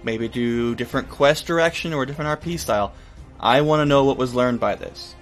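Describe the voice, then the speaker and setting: A man's voice: medium pitch, fairly quick, faint music behind. A man hosting a podcast with casual, conversational banter. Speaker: podcast host.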